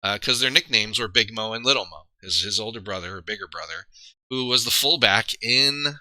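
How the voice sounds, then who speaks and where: A man on a live stream, chatting in a loose, rambling way and laughing at his own slips. His voice is very bright and forceful and a bit low for a man. It is recorded dry and close, with no room sound. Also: lively intonation, a little fast, dry recording. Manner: rambling, self-deprecating, trails off and restarts. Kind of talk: casual live-stream commentary.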